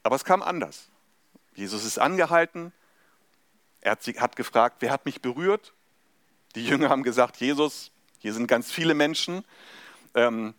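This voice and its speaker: A man's voice: mid-range voice, fairly bright tone, no echo. A man preaching a sermon in a conversational way, reading a Bible passage and speaking directly to the congregation. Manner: conversational, addresses congregation directly, some fillers.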